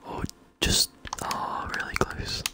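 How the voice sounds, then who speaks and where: A person whispering short, low-key ASMR commentary while playing a game, in a breathy, unvoiced voice close to the mic. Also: takes it slowly, sharp tone. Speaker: gaming video host. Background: keyboard or controller clicking.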